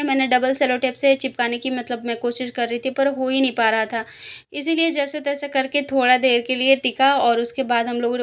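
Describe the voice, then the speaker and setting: A young woman, a mother, telling her vlog story in a chatty, rambling voice-over full of fillers, tired from a headache. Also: high-pitched. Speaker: vlogger, mother. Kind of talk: casual voice-over narration.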